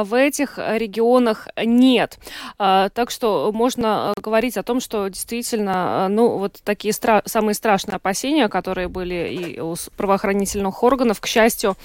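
A woman's voice: on the high side, dry recording. Woman presenting radio news, dry studio. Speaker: news show host.

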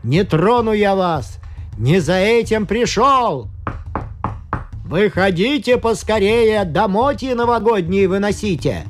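A man voicing a boastful, bullying demon strongman who bellows in slow, drawn-out words. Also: sits high, expressive, voice pushed up. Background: faint music.

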